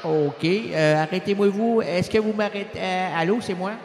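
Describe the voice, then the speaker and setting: A man's voice: high voice, normal speed, a little mellow, big-room sound, slight background noise. A man, rambling absurdly through an improvised comedy sketch. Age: 40s. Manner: rambling, absurd, switching between voices.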